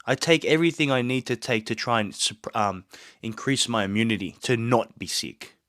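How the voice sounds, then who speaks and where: A man of medium pitch talks at a moderate pace in a fairly bright tone, recorded dry. As host of his own podcast, he sits in a small home studio with a sore throat and stuffed-up nose, offering an earnest, motivational solo monologue that rambles into asides.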